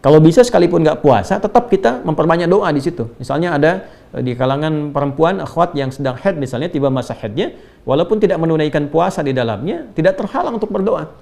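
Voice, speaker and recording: A preacher with a slightly high voice talks through a religious lesson in an easy, conversational way. He keeps checking in with his listeners and asks rhetorical questions. He breaks into recited Arabic verses now and then. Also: animated, fast talker, vocal fry, darkish tone. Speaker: Islamic preacher. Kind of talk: sermon-style religious lecture.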